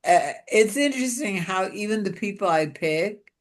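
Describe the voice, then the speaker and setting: A Pakistani woman who interviews guests and hosts a show conducts a casual interview over a video call. Her mid-range voice is animated, yet she talks slowly and musingly, with many restarts and "you know".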